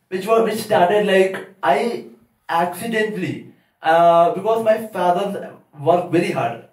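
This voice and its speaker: A man from Kerala with a Malayali Indian English accent, doing halting open-mic stand-up, nervously rambling and repeating his words. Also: high voice, a little mellow. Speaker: amateur stand-up comedian. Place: live open-mic venue, small audience. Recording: echoey room, far from mic.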